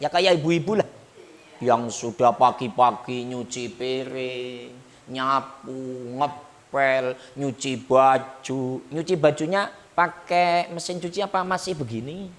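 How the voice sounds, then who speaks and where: A man's voice: mid-range voice, flat delivery, slow pace, a bit bright. A male preacher giving a humorous sermon to a women's gathering, chatty and joking as he speaks directly to his listeners.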